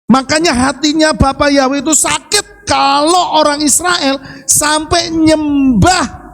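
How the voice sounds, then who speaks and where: A male pastor with a Javanese accent, preaching a sermon with rhetorical questions, sudden drops in pitch and a lively delivery. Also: takes it slowly, creaky. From Central Java, Indonesia.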